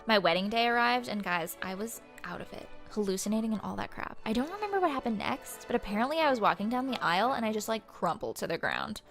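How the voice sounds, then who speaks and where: A woman's voice: a little high, expressive, quick pace, few pauses, fairly bright tone, soft background music. A young woman playing a bubbly, slangy female ghost who vlogs her afterlife in a breezy, flippant valley-girl manner for a comedy web series. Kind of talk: comic vlog monologue.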